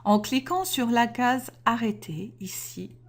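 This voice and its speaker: A woman explaining trading software step by step in a screen-recorded tutorial, methodical and clear, with small self-corrections. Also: fairly high pitch, expressive, slow pace.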